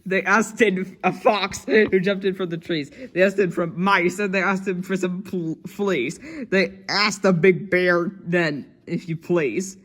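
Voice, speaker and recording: High-voiced man reading a rhyming storybook. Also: steady tone, a little slow, a bit bright. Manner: amused, breaks often into chuckles. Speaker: storybook reader. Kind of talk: dramatic read-aloud of a rhyming children's story.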